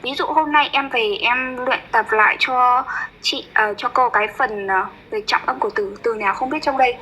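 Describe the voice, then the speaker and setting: A woman tutoring English pronunciation one-on-one, patient and coaxing, modeling words slowly and repeating them. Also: a little high, sharp tone, slight background noise, rough recording.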